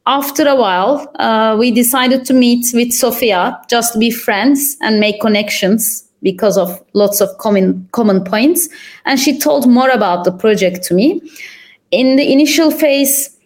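Young adult woman from Turkey, interview guest; unhurried, reflective answers broken by fillers. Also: fairly high pitch. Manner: thoughtful, pauses with frequent fillers. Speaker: podcast guest.

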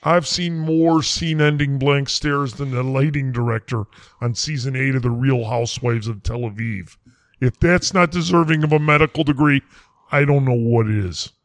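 A man's voice: medium pitch, moderate pace, no echo, close to an everyday voice. A man playing a blustering, folksy quack doctor, rambling in a comedy sketch. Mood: boastful. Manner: rambling, brash, folksy slang.

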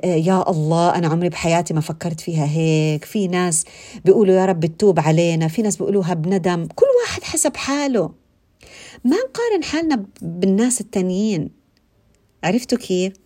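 Lively woman giving a casual religious talk. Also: mid-range voice. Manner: animated, conversational, with repeated phrases and direct questions to listeners. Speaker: religious speaker.

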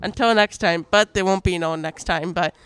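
A teenage boy hosting a school morning radio show, with a bright, sharp voice and very clean diction. He reads the news in an upbeat way and keeps slipping in playful asides. The studio sound is dry and close. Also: sits high, moderate pace, smooth, no echo. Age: teens. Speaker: student radio co-host.

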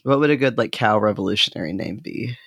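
A man with a gravelly edge to his voice chats loosely on a podcast, cracking jokes and swearing freely. His voice sits at an ordinary pitch and sounds close and dry, with no room around it. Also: fast, a bit bright, no echo. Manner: jokey and laughing, swears freely. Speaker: podcast co-host. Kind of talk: casual chat.

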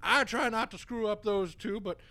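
Very old man hermit, high bright voice, slow, grandiloquent, wailing, comic audio drama. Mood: hospitable, rambling. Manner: grandiloquent, wailing, drawn-out complaints in flowery speech. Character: very old, frail, melodramatic male woodland hermit.

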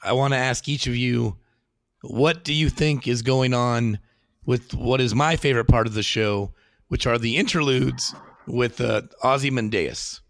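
A man hosting a casual TV podcast, relaxed, putting questions to his co-hosts. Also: medium pitch, measured pace, creaky, no echo, studio quality. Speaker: podcast host. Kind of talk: casual chat.

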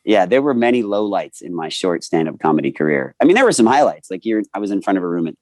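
A man in his forties, a voice actor telling animated anecdotes in a casual interview and acting out the people he quotes. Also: low voice, fast talker, no echo. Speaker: voice actor guest.

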